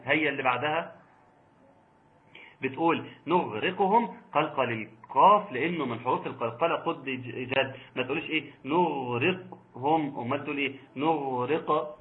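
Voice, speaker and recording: A man with an Egyptian accent teaching Quran recitation rules online, reciting slowly and patiently correcting his students. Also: mid-range voice, phone-quality sound. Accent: Egyptian Arabic. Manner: slow drawn-out recitation of verse examples, patient corrections.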